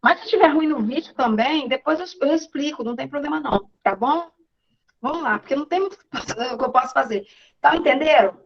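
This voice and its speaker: A woman's voice: high-pitched, expressive, fairly quick, muffled recording. A woman teacher giving a casual online class over a video call, chatty and often checking in with her students.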